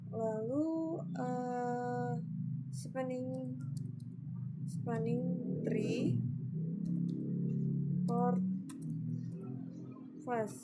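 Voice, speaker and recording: A woman's voice: fairly high pitch, huge pitch swings, extremely slow, gravelly, long pauses, over loud music. A young woman with an Indonesian accent, a student narrating her screen-recorded network lab, spelling out commands letter by letter as she types. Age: young adult. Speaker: student presenting a lab exercise. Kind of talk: screen-recorded tutorial walkthrough. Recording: faint background noise.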